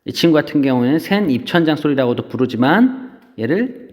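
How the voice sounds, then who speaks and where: A man teaching a Korean language lesson in a patient, repetitive lecture style, often asking students to check they follow. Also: medium pitch. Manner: patient, repeats terms, asks checking questions. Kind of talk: recorded classroom lecture. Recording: dull lo-fi audio with long reverb.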